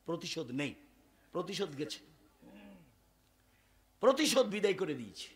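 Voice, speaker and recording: Man, preacher, high pitch, forceful sermon delivery, loud peaks and soft asides. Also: very animated, normal speed. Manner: admits he speaks hard and loud. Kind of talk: Bengali waz sermon.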